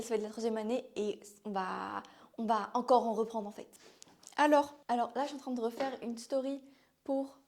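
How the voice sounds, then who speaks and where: A young woman with a regional French accent chatting casually in a vlog, rambling and filling pauses with "euh". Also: on the high side, a little mellow. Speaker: vlogger.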